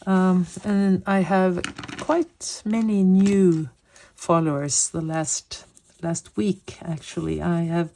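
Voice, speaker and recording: A Swedish woman in her late fifties chats casually in English, her second language, while she colors, sometimes searching for words. Her voice sits on the low side and is mellow, with a steady tone and a slow pace. There's slight background noise.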